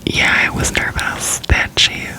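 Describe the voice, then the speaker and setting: A young American woman from Florida whispers an informal, unscripted ASMR ramble, breathy and up close to the microphone. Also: a little slow, rough recording. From Florida, United States. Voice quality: whispering throughout, breathy and unvoiced. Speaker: ASMR creator.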